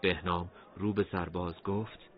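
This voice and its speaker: A man narrating a dramatic story in an expressive, animated reading, on a dull lo-fi recording. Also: low voice.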